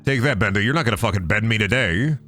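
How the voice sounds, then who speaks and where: A man doing comedic commentary on a game stream, crude, joking and animated. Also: lowish voice, fast, soft background music. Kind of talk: comedic let's-play commentary.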